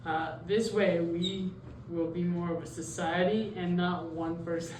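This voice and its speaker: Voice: mid-range voice, fairly even intonation, a little slow, a little mellow, lightly acted. A teenage student playing an idealistic male philosopher in a school role-play interview, speaking hesitantly and correcting themselves. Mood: earnest. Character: male philosopher Jean-Jacques Rousseau, idealistic. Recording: roomy, distant mic, faint noise.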